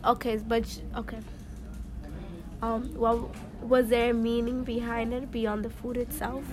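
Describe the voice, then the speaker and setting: A woman's voice: fairly high pitch, little pitch movement, measured pace. A woman interviewing someone, chatty and curious, asking follow-up questions. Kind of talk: casual interview. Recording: noisy crowd behind. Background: crowd chatter.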